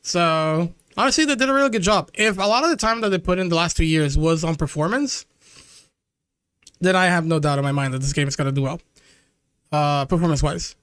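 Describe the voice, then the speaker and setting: A man's voice: on the high side, fairly quick, fairly bright tone, clean tone, no echo, clean studio sound. A young man streaming live, chatting loosely with his viewers and calling them "dude" and "chat".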